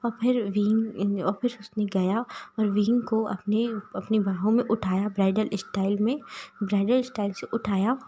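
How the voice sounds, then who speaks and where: A woman's voice: medium pitch, steady tone, normal speed, warm tone, husky, highs cut off. A woman casually retelling a fan story in a chatty way, with lots of fillers.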